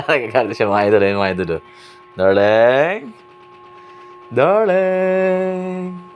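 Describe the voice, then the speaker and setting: A man's voice: on the low side, expressive, highs cut off, slight background noise. A man filming a playful home vlog, teasing and chatty, often stretching his words into sing-song calls. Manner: teasing, playful, repeats "guys" and "idol"; sing-song drawn-out calling. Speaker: vlogger. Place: inside a home.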